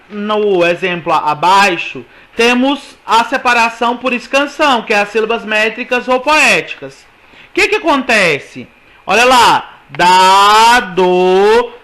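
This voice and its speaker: Male teacher, Brazilian accent, bright and sharp tone, patient step-by-step explainer. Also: extremely high pitch. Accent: Brazilian Portuguese. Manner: explanatory, repeats "certo?" to check understanding. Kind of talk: classroom lesson on poetry.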